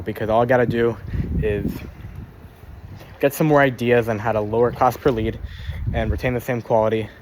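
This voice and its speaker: A man's voice: mid-range voice, background noise. A young man keeping a casual spoken journal, rambling, swearing freely and often repeating himself or tripping over his words.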